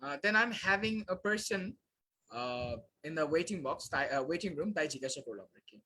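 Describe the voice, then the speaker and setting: High, bright-voiced tutor. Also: male voice, expressive, slow pace, slight background noise, poor audio. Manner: switches between Bangla and English, frequent "uh" fillers. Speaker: teacher. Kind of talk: live online class lecture.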